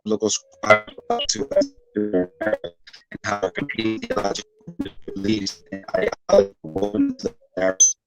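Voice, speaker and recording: A man's voice: lowish voice, huge pitch swings, moderate pace, gravelly, music in the background, rough recording. Give me a man whose call connection keeps breaking up. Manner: casual, filler-heavy, reads scripture references. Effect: choppy call connection breaking up. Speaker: Bible study caller reading commentary. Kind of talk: casual call reading aloud.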